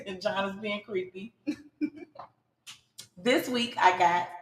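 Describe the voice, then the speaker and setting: A woman's voice: medium pitch, takes it slowly, slight background noise. Chatty woman host in her forties. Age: 40s. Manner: chatty, laughing, asks questions. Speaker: podcast host. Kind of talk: casual chat. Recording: roomy echo.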